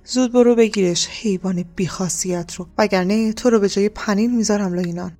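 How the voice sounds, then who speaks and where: A woman's voice: mid-range voice, fairly even intonation, lightly acted. A woman reading a harsh, bossy male cook who barks orders at his apprentice in a storybook. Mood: scolding. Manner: scolding, barking orders.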